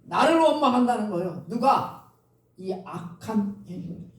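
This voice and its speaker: A man's voice: high-pitched, expressive, a little slow. A man preaching a sermon as pastor, speaking to the congregation and drawing responses from them. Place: church sanctuary. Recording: echoey church recorded from a distance.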